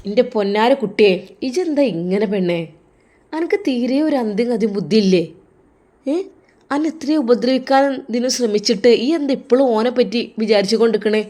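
A woman's voice: a little high, expressive, brisk, warm tone, natural voice. A woman voicing a stern, protective middle-aged mother who scolds her daughter insistently, with a Malappuram Malayalam accent, in an audio drama. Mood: scolding. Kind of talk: audio drama role-play.

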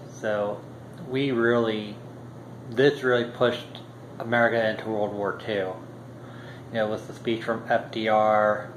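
A man's voice: fairly low pitch, a little hiss or hum. A man in his thirties, talking unscripted to the camera about history at home, hesitant with many ums and restarts. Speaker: history vlogger. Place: home kitchen indoors. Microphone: built-in camera mic at arm's length. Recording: roomy kitchen echo, faint ambience.

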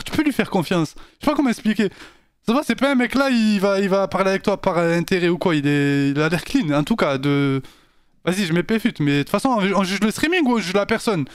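A man streaming live, chatting casually and directly with his viewers in an animated, slangy way. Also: high voice, dry recording, clean studio sound. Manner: animated and slangy, talks straight to his chat.

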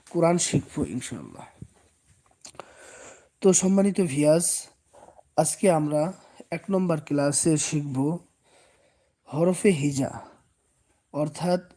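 Slow, mellow Bangladeshi man teaching letters. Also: fairly high pitch. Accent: Bangladeshi Bengali. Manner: patient, repeats each letter and draws out sounds. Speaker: Quran teacher. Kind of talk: slow step-by-step recitation lesson.

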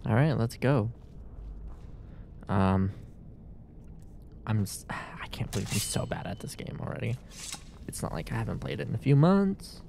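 A man's voice: medium pitch, very animated, unhurried, vocal fry, long pauses, a little mellow, a little hiss or hum. A man giving casual commentary while streaming a game, sarcastic and swearing at the game's characters.

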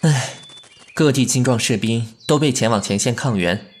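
In a Chinese period audio drama, a man plays a young bandit leader who is refined and caring yet sharp-tongued, speaking earnestly in literary phrases. His mid-range, natural voice moves at a moderate pace, and he sounds weary.

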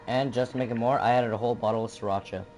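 A man's voice: mid-range voice, fairly even intonation, very fast, a little mellow, soft background music. A man talking casually and jokingly while doing a spicy food challenge for a vlog. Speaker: vlogger.

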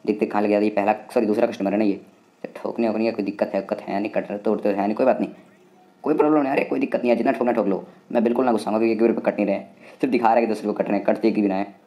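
A man with an Indian accent giving excitable, chatty commentary while playing a driving game, talking to the game and to viewers. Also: lowish voice, very fast. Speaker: gaming channel host.

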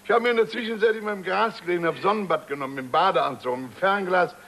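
A man's voice: high voice, racing, a bit bright, slight background noise. An actor playing a boastful middle-aged man who can't swim, telling a tale sheepishly and dramatically in a 1960s comedy record. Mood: fond. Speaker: comic storyteller.

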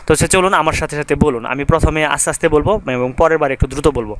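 A man's voice: on the high side, rapid-fire. A young man teaching grammar in a casual, conversational lecture, with many fillers and rhythmic recitation of word lists.

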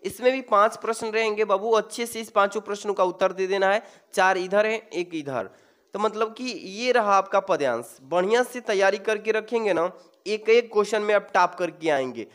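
High-voiced man teaching an exam lesson. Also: fairly bright tone. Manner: explains step by step, repeats key words slowly, calls students "babu".

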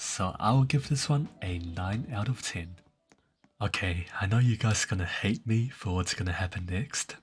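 Young guy chilling while rating game skins, slow and rambly, lowish voice. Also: husky. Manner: laid-back, rambling with fillers. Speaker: gaming channel host. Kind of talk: casual game showcase commentary. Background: faint background music.

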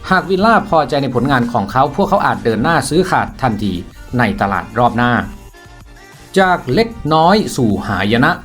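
A man narrating football news in a steady, scripted read-aloud delivery. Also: mid-range voice, normal speed. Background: faint background music.

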